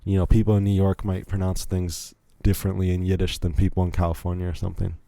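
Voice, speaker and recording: The voice belongs to a young American man from Virginia hosting a solo podcast. It is low, creaky, and mellow, delivered in a quick monotone as he rambles through stories with lots of asides, and there is no room sound.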